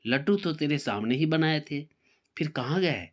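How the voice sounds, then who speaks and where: A man's voice: fairly high pitch, expressive, normal speed, voice pushed up, natural voice. A man voicing a bossy older mother-in-law in a spoken story, scolding and sarcastic.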